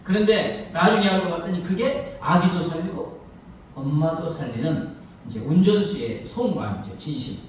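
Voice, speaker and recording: A man's voice: fairly high pitch, lively intonation, normal speed, slight background noise. A man preaching a sermon as pastor, telling a story and asking the congregation rhetorical questions. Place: church sanctuary. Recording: echoey hall, mic from far off.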